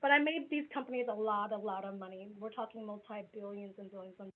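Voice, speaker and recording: She's a business coach in her forties from the American Midwest, chatting openly about herself on a video call. Her pitch is medium and her intonation fairly even, and she talks quickly. The connection has a tinny, phone-like quality with slight noise.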